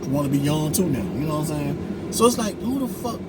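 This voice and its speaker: A man in his forties ranting casually in a car, animated, profane and emphatic. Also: a little high, a little fast. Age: 40s. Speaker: vlog co-host. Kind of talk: casual rant. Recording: loud car and road noise.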